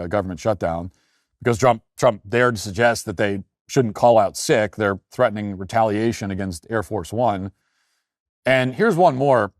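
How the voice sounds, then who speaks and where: Reading posts aloud on his opinion show, a fairly low-pitched American man argues emphatically and poses rhetorical questions throughout his monologue. The sound is studio quality with no echo.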